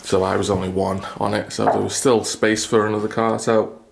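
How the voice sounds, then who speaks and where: Brisk and low, with little pitch movement and some vocal fry, a travel vlogger talks casually into his handheld camera over slight background noise. He's self-deprecating and rambling while walking out of his apartment, down the stairwell and across an icy outdoor car park to his car.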